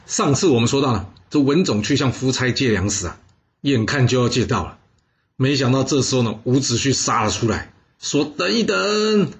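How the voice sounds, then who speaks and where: Lively man telling history stories. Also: medium pitch. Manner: lively, colloquial with drawn-out particles. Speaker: storyteller. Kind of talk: animated historical storytelling. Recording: slightly dull lo-fi recording.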